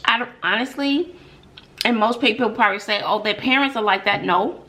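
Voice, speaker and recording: Talking casually to her viewers, this middle-aged mukbang vlogger and middle school teacher tells stories and gives opinions with emphasis, rhetorical questions and frequent "mm-mm" interjections. Her voice is a little high and bright, with a forceful tone and a moderate pace.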